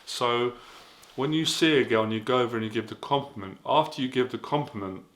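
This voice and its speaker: A man's voice: medium pitch, brisk, a bit bright. A man giving casual dating advice in an earnest, repetitive way, full of fillers. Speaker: dating coach.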